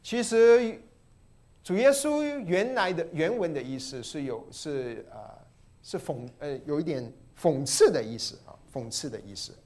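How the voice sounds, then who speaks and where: A male preacher with a fairly high, very lively voice teaching through a passage. He repeats key phrases and swings from emphatic peaks down to soft, low murmurs. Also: unhurried. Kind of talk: sermon.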